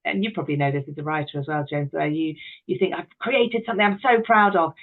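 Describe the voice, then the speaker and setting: A middle-aged woman who works as an actress, writer and director speaks candidly and expressively as an interview guest. Her voice is deep and her pace quick, with phone-quality sound.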